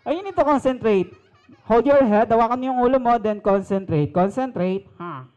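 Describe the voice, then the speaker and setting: A woman's voice: a little high, a little fast, darkish tone, clean tone, dull audio. A woman hosting a children's birthday party, playful and teasing as she runs a comedy act, mixing English into her talk. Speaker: party host. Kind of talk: ventriloquist comedy at a kids' party.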